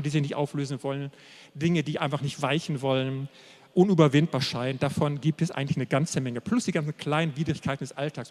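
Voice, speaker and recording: A man preaches a sermon with a somewhat high voice, pressing his points and slowing down on the key words. His voice rings out with a long reverb, as in a large church hall. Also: a little mellow. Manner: emphatic, repetitive, slows down to stress key phrases.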